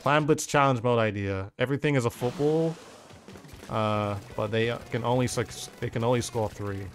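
A game streamer from England talks casually with his viewers as he plays, answering questions and calling them "dude" regularly. He has a mid-range voice at a moderate pace.

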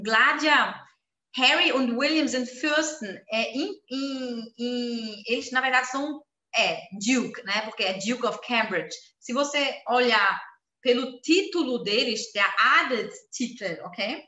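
A woman teaching a live online language lesson, explaining slowly, repeating words and checking in with her viewers. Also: a little high, bright, forceful tone, reverberant. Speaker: German teacher.

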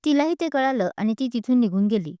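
A woman storyteller reading a serialized love story in a steady, expressive way. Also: fairly high pitch, fast, clean tone, no echo, studio quality.

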